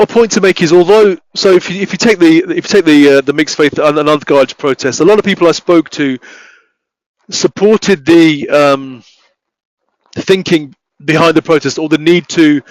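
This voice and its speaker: A man giving an academic talk, speaking haltingly with many restarts and fillers. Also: on the high side, dry recording, low-quality recording. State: voice failing, coughing. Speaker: academic researcher presenting.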